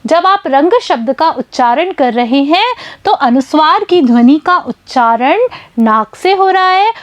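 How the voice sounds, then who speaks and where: Lady teacher, high voice, real unhurried, patient explaining to kids. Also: highs cut off. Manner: slow, patient explaining to children. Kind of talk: online class lesson.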